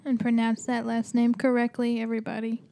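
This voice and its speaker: A woman's voice: on the high side, monotone, creaky, dark tone. A woman in casual podcast chat, chatty and teasing, filling her talk with "like". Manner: chatty, teasing, quick to laugh, says like a lot.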